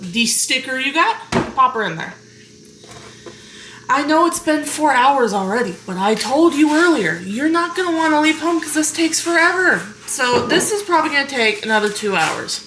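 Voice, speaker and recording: Chatty woman baking in an echoey kitchen. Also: high-pitched. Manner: chatty and relaxed, talking while working dough. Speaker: home baker showing a recipe. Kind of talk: casual cooking tutorial. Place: home kitchen. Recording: echoey kitchen with clear background noise.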